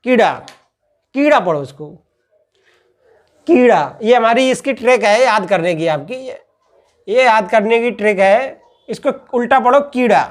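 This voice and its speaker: A man's voice: very high voice, lively intonation, unhurried, long pauses. A man teaching a class, who poses questions, answers them himself and keeps checking in with "okay" after each point. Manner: patient, repetitive explaining. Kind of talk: classroom-style lecture.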